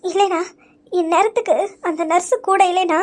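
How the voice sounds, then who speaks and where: A woman voicing a young woman in an audio story who comforts a crying friend, gently but firmly pointing out her mistakes. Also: very high-pitched, steady tone, normal speed. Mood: consoling. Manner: gentle but firm, reasoning and reproaching.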